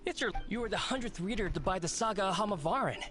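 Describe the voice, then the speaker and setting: Actor as obliging shopkeeper, formal, polite, animated delivery, soft game music behind. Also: medium pitch, fast, natural voice. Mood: courteous. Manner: formal, polite customer service. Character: courteous, obliging bookseller. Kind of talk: video game character acting.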